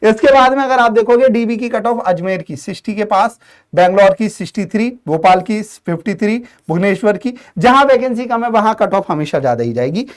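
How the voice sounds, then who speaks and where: A man's voice: high voice, expressive. A man giving an informal exam-prep lesson as a coaching teacher, speaking straight to his students with frequent fillers and restarts. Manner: addresses students as "saathiyon", talks fast with restarts and fillers.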